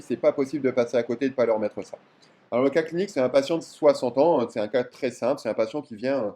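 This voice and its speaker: Guy doctor chatting thru an ultrasound lesson, lots of euh, eager, mellow voice. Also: medium pitch. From France. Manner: chatty, enthusiastic, many fillers. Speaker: general practitioner teaching ultrasound. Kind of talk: casual video lesson.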